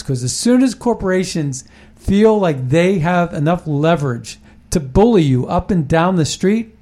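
Hosting a casual political talk show, a man rambles emphatically and often restarts his sentences. His voice is high-pitched and a little mellow.

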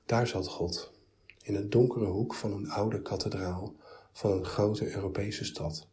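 A man narrating a story in a measured, even reading. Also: on the low side.

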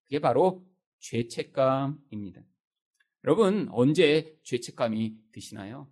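A man's voice: mid-range voice, animated, unhurried, darkish tone. A male pastor preaching a sermon, speaking straight to the congregation with rhetorical questions and acting out everyday excuses in quoted voices.

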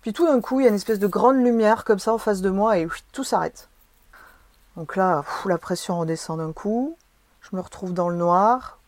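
A woman's voice: medium pitch, normal speed, a little mellow, dry recording. A woman telling a personal experience in vivid, emotional, hesitant speech.

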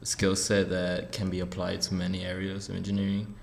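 Young male college student guest, laid-back and rambling, low and even-toned. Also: a little fast, gravelly, slight background noise. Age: 20s. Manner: relaxed, rambling, laughs easily. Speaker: guest, college soccer player. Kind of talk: casual interview chat.

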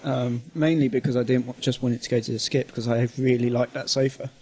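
A man's voice: medium pitch, level tone, fast, dark tone, slightly rough. A man co-hosting a podcast in casual chat, hesitant and full of fillers, with a dry, sarcastic humor. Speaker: podcast co-host.

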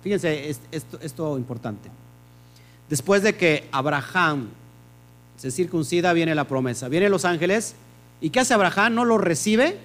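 A man leads a scripture study in a high voice. He keeps asking his listeners questions and answers them himself in a teacherly rhythm. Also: animated, moderate pace, fairly bright tone. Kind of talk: Torah study teaching to a small group.

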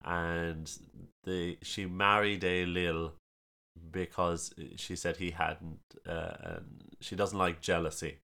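A man with a lilting, musical Kerry Irish accent, chatting and telling stories in a halting way, often repeating words. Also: low-pitched, level tone, bright, forceful tone, smooth. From County Kerry, Ireland. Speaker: storyteller, podcast guest. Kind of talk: casual chat, storytelling.

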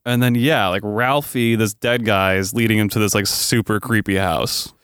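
Smooth low-voiced man, hesitant podcast talk. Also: steady tone, normal speed, a bit bright, dry recording, clean studio sound. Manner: hesitant, many fillers and agreeing murmurs. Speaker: podcast co-host. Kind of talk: casual chat.

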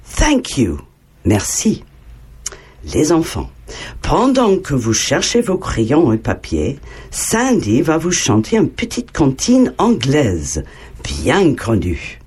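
Woman, children's language teacher; very slow, wildly lively pitch, slightly breathy tone. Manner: slow, sing-song, playful, heavily exaggerated intonation.

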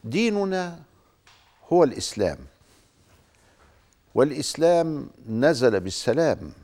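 A man hosting a religious programme, addressing viewers in formal Standard Arabic with deliberate, rhetorical phrasing. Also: on the low side, lively intonation, dark tone.

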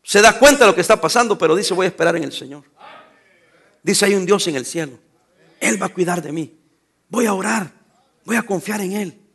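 A man preaches a sermon in a high, ringing voice. He drives his points home with call-and-response questions to his congregation. Now and then he breaks into teasing, scolding asides. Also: fairly quick, creaky, long pauses, a bit bright, slightly rough. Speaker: pastor.

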